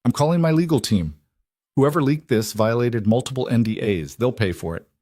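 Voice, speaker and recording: A man's voice: mid-range voice, animated, normal speed, mellow, dry recording, clean studio sound, close to an everyday voice. A man voicing a proud, tense wealthy businesswoman in a storybook reading, in a clipped manner. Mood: determined. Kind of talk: storybook narration.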